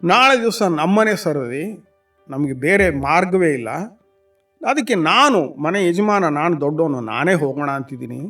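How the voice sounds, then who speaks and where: A man's voice: on the high side, animated, a little slow, fairly bright tone, distant mic, faint music behind. A man voicing a grieving, resigned father in a children's radio story. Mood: sorrowful. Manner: sorrowful, resigned. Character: grieving middle-aged father, head of house.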